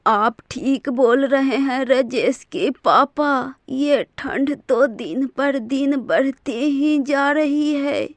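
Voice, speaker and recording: A woman's voice: high-pitched, extremely slow, few pauses, dry recording, exaggerated voice. A pleading old mother. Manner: pleading, complaining about the cold. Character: old mother, patient and long-suffering. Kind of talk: cartoon voice acting.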